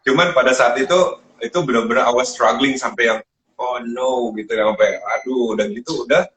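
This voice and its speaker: A man, a chef, chats casually over a video call. He tells his stories with plenty of animation and slips into the voices of the people he quotes. His voice sits at an ordinary pitch for a man. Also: steady tone, fast, fairly bright tone, poor audio. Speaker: guest chef. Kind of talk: casual storytelling in a live chat.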